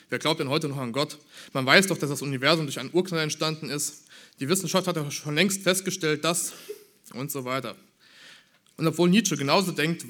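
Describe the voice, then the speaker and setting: A man preaching a sermon, speaking in an earnest, measured way and posing rhetorical questions to the congregation. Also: on the high side, fairly bright tone.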